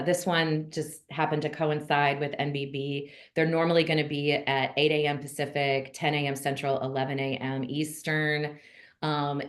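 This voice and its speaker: A woman with a low voice hosts a relaxed online members' call. She talks in a chatty, upbeat way, says things straight, and fills her pauses with ums. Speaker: host of a monthly call for notaries. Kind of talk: casual video-call chat.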